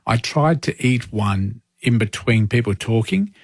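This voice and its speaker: A man's voice: mid-range voice, expressive, measured pace, dry recording. Australian man hosting dry, close-miked radio. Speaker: overnight talk radio host. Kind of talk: live phone-in chat. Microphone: close studio microphone.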